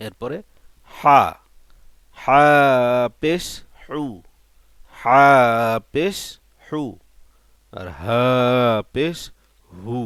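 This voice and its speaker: Drawing out his words and leaving long pauses, a man with an expressive, medium-pitched, slightly bright voice patiently works through Quran letter pronunciation step by step. He repeats and lengthens each syllable in turn, asking questions and then answering them himself. There is no echo.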